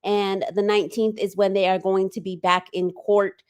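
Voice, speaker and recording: A woman hosting a relaxed livestream, her voice smooth and clear. She talks loosely and stops often to read viewer comments aloud, filling pauses with ums and uhs. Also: medium pitch. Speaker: livestream host. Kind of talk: casual livestream chat.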